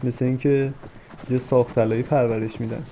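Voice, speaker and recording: A young man giving comic commentary while he plays a game. He talks to the characters on screen and jumps from mock soothing to sudden shouting. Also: mid-range voice, flat delivery, slight background noise, low-quality recording. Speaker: gameplay commentator. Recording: game music under the voice. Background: game music.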